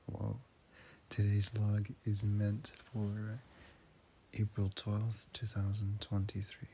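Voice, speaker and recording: Tired, slow-talking young man, slightly nasal. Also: lowish voice, monotone, mellow, a little hiss or hum. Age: late teens. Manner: halting, with restarts, sighs and throat clearing. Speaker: student keeping an audio diary. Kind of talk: personal audio diary. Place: at home indoors.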